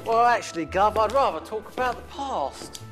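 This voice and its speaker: A cheeky, rambling prisoner, an old car thief who chats away to the guard. His voice sits a little high, with soft music in the background. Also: animated, moderate pace. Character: chatty male prisoner, former car thief. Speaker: actor in a lesson sketch. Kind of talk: comic scripted sketch.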